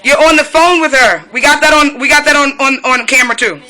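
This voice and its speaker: A woman with a high, pushed, bright voice speaks a little fast while filming from indoors in her apartment. A resident caught up in a police standoff, she gives agitated, self-recorded protest commentary, launching rhetorical questions and addressing officers directly.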